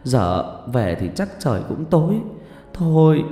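A man doing a shrill wailing old village wife. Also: very animated, measured pace, mellow. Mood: tearful. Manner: wailing, scolding. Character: grieving rich old village woman, shrill. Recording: echoey room with long reverb, faint music.

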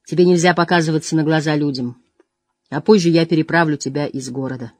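Reader doing a gruff innkeeper, quiet and firm, middle pitch, dry audiobook sound. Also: fairly even intonation, quick pace, dry recording, close to an everyday voice. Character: middle-aged male innkeeper, stubborn and protective. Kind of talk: audiobook reading.

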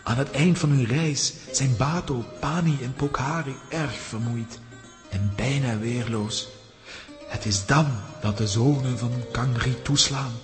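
Solemn and measured, a male actor recounts a mountain legend as the wise head lama of a mountain monastery, his medium-pitched voice close to how he'd normally speak. The piece is acting for a Dutch-language children's audio drama. Music sits behind it in a long, echoing hall.

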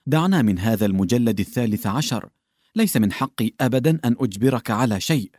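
A man's voice: medium pitch, lively intonation, quick pace, a little mellow, no room sound, natural voice. A man voicing a desperate husband who begs a doctor for help, imploring and emotional, in a dry close recording. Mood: pleading. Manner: imploring, emotional, trembling with urgency.

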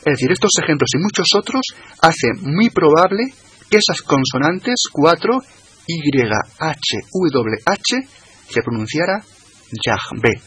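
A man, a guest on a radio talk show, explaining slowly and carefully, repeating and spelling out words. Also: on the high side, sing-song, fairly bright tone, slightly rough. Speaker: guest expert on religion.

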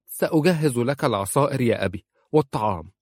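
A man's voice: lowish voice, animated, normal speed, no echo. A man voicing a devoted, strong-willed young married woman, speaking in a pleading, emphatic way. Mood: excited.

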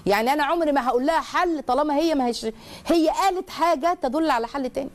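A woman with an Egyptian accent speaks as host of a religious advice talk, earnest and emphatic as she lectures. Her voice sits fairly high, and she talks very fast with frequent restarts. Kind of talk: religious advice talk, reading a listener's letter.

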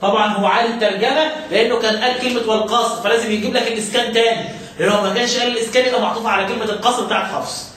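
A man with an Egyptian Arabic accent teaching Quran recitation in a classroom lesson, quizzing his students and chanting lines of verse slowly. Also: high-pitched, steady tone, a bit bright. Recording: very echoey room, far from the mic.

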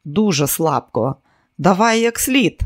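A woman's voice: fairly low pitch, expressive, slow pace, husky, no echo, clean studio sound, full character voice. A man doing a bold, insistent young woman. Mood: urgent. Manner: insistent, theatrical.

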